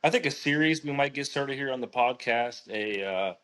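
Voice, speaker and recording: A man's voice: medium pitch, normal speed, a bit bright. A man hosting a casual podcast, running a sports trivia game with lots of fillers and restarts. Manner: chatty, lots of fillers and restarts while reading quiz.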